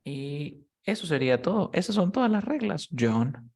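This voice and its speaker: A man's voice: a little high, very animated, normal speed, a little mellow. A young man teaching English grammar one-on-one, explaining each rule patiently and stopping often to check that his student follows.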